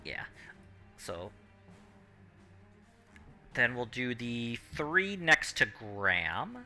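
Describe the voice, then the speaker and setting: Animated, bright-voiced male game master. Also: medium pitch, very slow, soft background music. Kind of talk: casual narration of a tabletop game.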